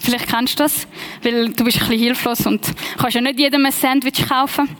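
Swiss German woman, young, high voice, chatty sermon storyteller, mixes in English. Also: brisk. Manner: lively, personal, conversational storytelling with English phrases. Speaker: preacher.

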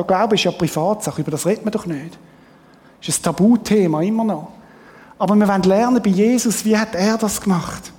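A man preaching with a mellow, dark voice, and his words ring on through a church hall with a long echo. He talks to the congregation in a plain, earnest way and keeps asking them questions. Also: high voice. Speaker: pastor. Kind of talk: sermon.

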